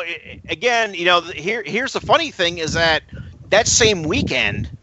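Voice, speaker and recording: A man co-hosting a casual podcast chat, talking in halting bursts full of stammers and restarts. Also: a little high, bright, forceful tone, highs cut off, slight background noise. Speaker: podcast co-host.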